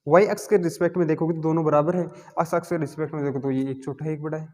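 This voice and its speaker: A man's voice: fairly high pitch, fairly even intonation, very fast, a little mellow. A male math teacher, giving a classroom lecture and constantly asking and answering his own questions. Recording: long hall reverb.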